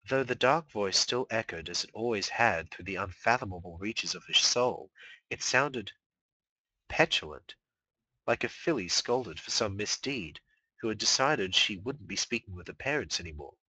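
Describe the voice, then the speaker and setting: A man reading fan fiction aloud live in an expressive storytelling manner. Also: on the low side, normal speed, breathy edge, dry recording, rough recording. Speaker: fanfiction reader.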